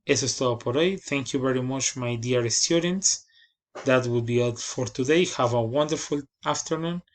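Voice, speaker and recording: A man teaching English to children, modeling each word slowly and clearly. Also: medium pitch.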